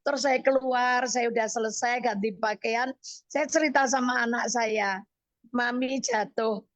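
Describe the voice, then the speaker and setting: Woman, middle-aged, Javanese accent, radio counselor, lively storyteller, slightly high voice. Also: measured pace, no room sound. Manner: animated storytelling, acts out her own quoted words. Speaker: evangelist counselor. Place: radio studio.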